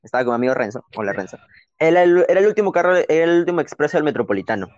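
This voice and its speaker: A young man with a Peruvian accent tells stories at a rapid clip, animated and full of slang. His laughter slips in between lines. The recording is dry and a little dull. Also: a little high, no room sound. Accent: Peruvian Spanish. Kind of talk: casual storytelling chat.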